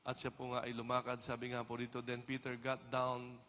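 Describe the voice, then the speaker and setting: A Filipino man preaching a sermon as pastor, swinging from hushed passages to shouted ones. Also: medium pitch, monotone, a little fast. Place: church hall. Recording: long hall reverb.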